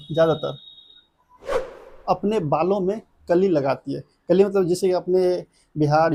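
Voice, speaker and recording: A man's voice: high-pitched, mellow, breathy edge, muffled recording. Man teaching a memory trick. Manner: drills the class with repeated chanted phrases; keeps checking in with the class, asking if they follow. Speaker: exam coaching teacher.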